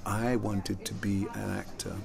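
With music in the background, an older Jamaican-born actor and singer raised in London speaks a little slowly, his low-leaning voice carrying vocal fry. He reminisces in a relaxed interview, rambling, repeating words, and laughing frequently.

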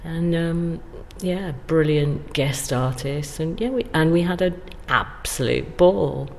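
Speaking slowly in a deep voice, this middle-aged actor chats casually as an interview guest, gushing and emphatic. She's recorded in an indoor stairwell that sounds very echoey, with a little hiss or hum.

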